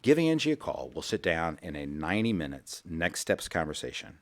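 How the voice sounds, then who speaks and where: Hosting a financial show from a radio studio, a man talks casually with a sales pitch, folksy and rambling, often repeating himself. His low voice is fairly quick and swings widely in pitch.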